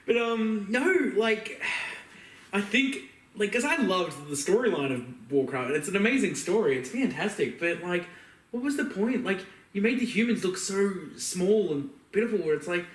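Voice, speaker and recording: A podcast co-host rambles through a casual, opinionated chat about films, emphatic and sweary. His voice sits high with lively intonation at a moderate pace, and he sounds off-mic in a roomy, echoing space.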